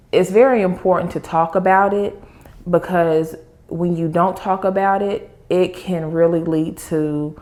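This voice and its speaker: A middle-aged woman speaking as a podcast guest in casual, earnest conversation. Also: low-pitched.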